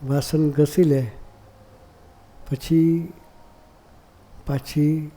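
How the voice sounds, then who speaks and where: A man delivers a devotional sermon in a deep, mellow voice. His pitch stays steady and level, and he keeps turning to the audience with rhetorical questions. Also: drawn-out words. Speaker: monk preacher. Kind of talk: devotional discourse.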